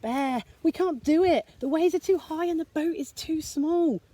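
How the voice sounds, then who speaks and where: A woman voicing a small, anxious male mouse in a storybook read-aloud, high and worried. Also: moderate pace, dark tone, no room sound, close to an everyday voice.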